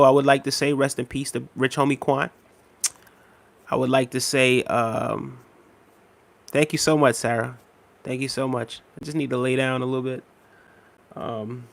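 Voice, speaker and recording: Reading chat comments out loud on a laid-back livestream, the host is a man in his thirties who repeats himself and leans on fillers. A little ill and weary, he has a mid-range, creaky voice.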